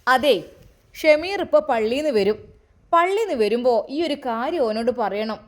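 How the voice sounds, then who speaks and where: A domineering older mother-in-law nags and taunts in a thick Malappuram accent, as a woman puts her on. Her voice sits high and carries hard, pressing every demand. She sounds like a figure from a homemade family story drama. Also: animated, moderate pace. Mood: scolding. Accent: Malappuram Malayalam. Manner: loud, nagging and taunting. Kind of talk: amateur story drama reading.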